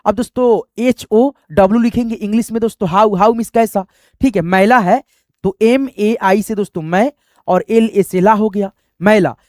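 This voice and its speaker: A man's voice: high voice, moderate pace, a little mellow, no echo, studio quality. A man teaching a spoken lesson, patiently spelling out letters one by one.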